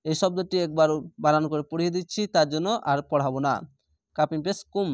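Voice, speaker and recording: Man slowly spelling out recitation. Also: a little high, fairly even intonation, no echo, studio quality. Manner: spells syllables aloud, then chants words slowly and drawn out. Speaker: Quran reading teacher. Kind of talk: slow spelled-out recitation lesson.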